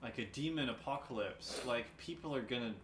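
A man's voice: medium pitch, noisy background. A man co-hosting a casual book-discussion podcast, wry and sarcastic. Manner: wry, sarcastic, bursts of quick talk. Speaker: podcast co-host.

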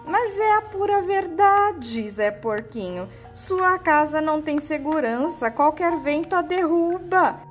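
A woman's voice: high voice, lively intonation, slow pace, faint music behind, pitched above the performer's own voice. A woman voicing a frightened, pleading male maned wolf who whines and begs in a storybook. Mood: frank. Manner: whiny, tearful pleading.

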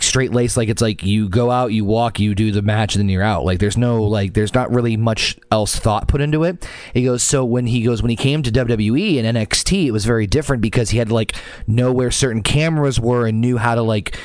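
Man, podcast host, rambling chatty delivery, medium pitch, dry close sound. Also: darkish tone, no echo. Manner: rambling, filler-heavy. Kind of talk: casual podcast chat.

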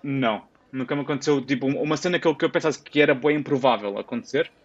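A man's voice: medium pitch, fast talker. Rambling young Portuguese man, lo-fi. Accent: European Portuguese. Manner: rambling, many fillers. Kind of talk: casual chat. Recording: dull lo-fi sound.

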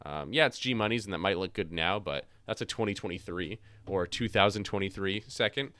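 Excitable young man with a bright voice. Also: sits low, brisk, smooth. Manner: animated, trails off and restarts, gets loud when excited. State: slightly hoarse from yelling. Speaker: podcast host. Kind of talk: casual fantasy football chat.

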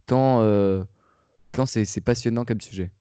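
A man's voice: fairly low pitch, measured pace, mellow, clear, resonant tone, no room sound. A young man co-hosting a casual chat, talking with many fillers and restarts. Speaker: podcast co-host.

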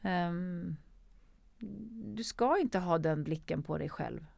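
A woman's voice: fairly low pitch, animated, creaky, darkish tone, dry recording, clean studio sound. A woman actor and producer talking candidly in an interview, emphatic and swearing freely.

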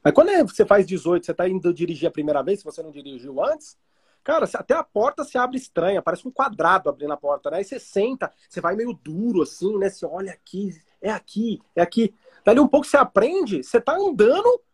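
A man's voice: high-pitched, big pitch swings, fast, breathy edge. A man with a Brazilian Portuguese accent, a trading teacher chatting casually and explaining through everyday analogies. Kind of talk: casual podcast chat.

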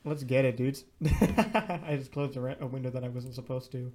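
A man's voice: mid-range voice, moderate pace, a little mellow. A teenage boy hosting a casual podcast, joking, swearing freely and laughing between lines. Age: teens. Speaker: podcast host. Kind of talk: casual chat. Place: indoors, in person with a co-host.

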